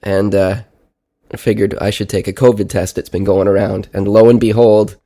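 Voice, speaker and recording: A man's voice: lowish voice, little pitch movement, normal speed, mellow. Congested man, nose sounding pinched shut. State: sick with a stuffy head cold. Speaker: podcast segment host. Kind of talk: casual personal audio diary.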